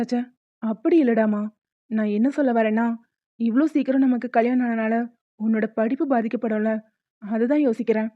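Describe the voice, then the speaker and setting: A woman voicing a gentle young husband in a cartoon, soothing and patient. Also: a little high, no echo, highs cut off, lightly acted. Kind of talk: cartoon voice acting.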